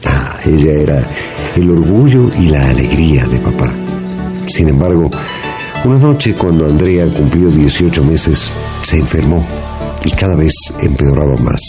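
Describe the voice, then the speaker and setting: A man's voice: extremely low pitch, lively intonation, a little slow, full character voice. An actor playing a grown son recalling his mountain childhood in a folksy, reminiscing dramatized narration. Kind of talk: dramatized first-person narration. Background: guitar music.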